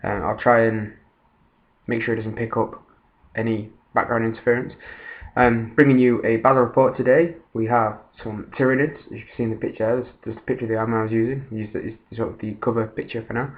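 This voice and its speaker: A man's voice: lowish voice, little pitch movement, fast talker. Man far from a muffled laptop microphone. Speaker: tabletop wargamer presenting a battle report. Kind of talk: casual narrated game recap. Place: voice-over recorded at a laptop. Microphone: built-in laptop microphone, a little far away. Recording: band-limited laptop built-in microphone, slightly distant.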